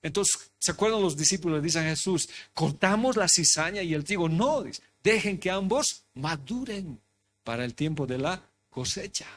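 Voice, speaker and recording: Man pastor, higher voice, interactive sermon, repeats himself, faint hiss behind. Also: animated, moderate pace, fairly bright tone. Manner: questions the congregation, repeats phrases. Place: church hall.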